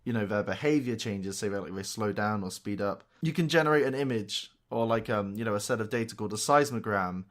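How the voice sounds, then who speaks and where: A man's voice: lowish voice, a little fast, hardly any pauses. A man co-hosting a casual podcast, joking and laughing as he gives loose explanations. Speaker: podcast co-host. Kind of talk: casual chat.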